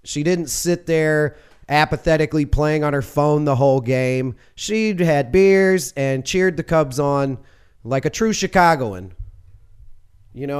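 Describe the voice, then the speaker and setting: This sports podcast host speaks alone in a smooth voice that leans high. He chats casually, meandering and joking, and often stops to correct himself partway through a sentence.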